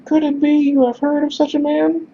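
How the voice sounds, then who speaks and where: A squeaky overly polite messenger. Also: male voice, monotone, normal speed, muffled recording, slight background noise. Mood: pleading courtesy. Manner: overly courteous, flowery. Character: high-voiced polite male messenger, anxious.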